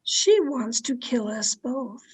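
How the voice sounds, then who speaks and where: An actress voices a fearful, haunted, domineering wife for an old-time radio thriller, her imperious and dramatic performance broken by halting dread. The mood is hushed dread, in a slightly high, animated, somewhat rough voice that is heavily acted.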